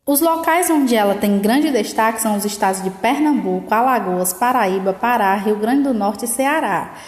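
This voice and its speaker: A woman's voice: a little high, lively intonation, moderate pace. A woman teacher explaining a lesson, often checking in with tag questions. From Northeast Brazil. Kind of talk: remote school lesson. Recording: echoey room with long reverb.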